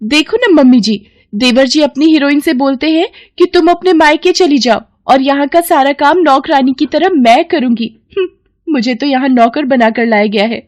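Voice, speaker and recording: A woman voicing a vain, spiteful young sister-in-law in an animated story, loud and complaining. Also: high-pitched, moderate pace, dry recording, pitched above the performer's own voice, lightly acted. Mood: shrill complaining.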